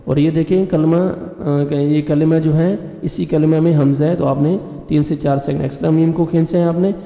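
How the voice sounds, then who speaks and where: Man, Quran teacher, slow spelled-out recitation, slightly high, very dark voice, long echo. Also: steady tone, gravelly. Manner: spells letters and vowel marks one by one, then chants the word slowly. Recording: echoey room with long reverb.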